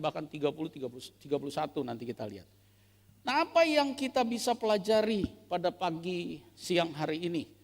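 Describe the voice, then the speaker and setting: A man preaching a sermon as pastor, playful and animated, asking the congregation rhetorical questions. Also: high voice, creaky, in a large hall. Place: church.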